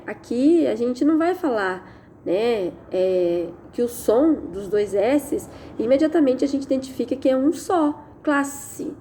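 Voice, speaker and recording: Patient woman teacher with a warm voice. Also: a little high, a little hiss or hum. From Brazil. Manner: patient, checks understanding with tag questions; slows down to stress key sounds. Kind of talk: recorded online Portuguese lesson.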